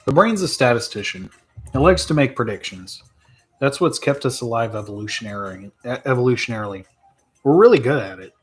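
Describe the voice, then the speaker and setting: A man streaming live and answering viewer questions in a relaxed, rambling way, thinking aloud with plenty of fillers and laughs. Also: mid-range voice, slightly rough. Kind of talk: casual live chat.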